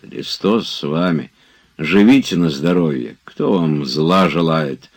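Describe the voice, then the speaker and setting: A man's voice: a bass voice, slow, heavily acted. A man reading aloud as an old servant who grumbles and pleads with his master in a storybook. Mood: pleading.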